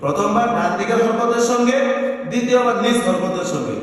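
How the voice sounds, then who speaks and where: A man teaching a Quran reading class, taking learners through letter drills and chanting verses in a slow sing-song. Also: extremely high pitch, animated. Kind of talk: spelling drill and recitation lesson. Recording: very echoey hall from far off.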